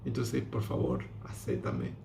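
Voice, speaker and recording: A preacher voicing a frightened, pleading young son. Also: male voice, sits low, very animated, unhurried, creaky, warm tone, a little hiss or hum, pitched below the performer's own voice, full character voice. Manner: pleading, begging forgiveness. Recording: roomy echo.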